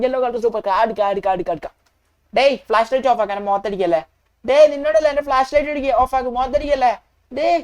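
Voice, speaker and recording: Jumpy young dude franklin, a woman voicing him in a game vid, keeps repeating himself, pretty ordinary pitch. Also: no room sound, natural voice. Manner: repeats short phrases over and over, excitable. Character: young adult man, jumpy and impulsive. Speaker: game video narrator voicing the player character. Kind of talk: casual game role-play commentary.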